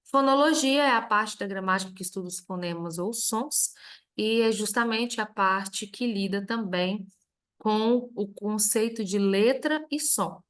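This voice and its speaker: A woman teacher with a Brazilian Portuguese accent, reviewing a grammar lesson in a clear, step-by-step way and stressing each example word. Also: mid-range voice, a little slow, fairly bright tone.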